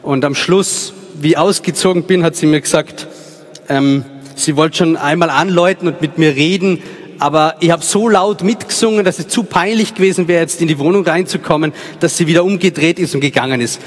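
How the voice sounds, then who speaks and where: A man's voice: fairly high pitch, fairly quick. A man in his thirties from Salzburg with an Austrian accent, giving a chatty, informal personal sermon with many fillers on stage in a large church. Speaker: preacher. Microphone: handheld mic. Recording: long church reverb.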